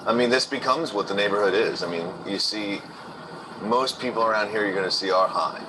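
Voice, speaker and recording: A man's voice: fairly low pitch, brisk. A man talking casually and matter-of-factly as a local guide in a documentary interview. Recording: noticeable street or vehicle noise.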